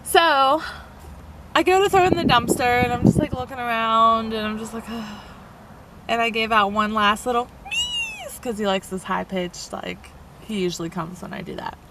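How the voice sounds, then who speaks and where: A young woman with a high, bright-sounding voice rambles through a story for her vlog, animated and full of fillers. A faint hum of vehicle noise sits behind her. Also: normal speed. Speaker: van life vlogger. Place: inside a parked camper van.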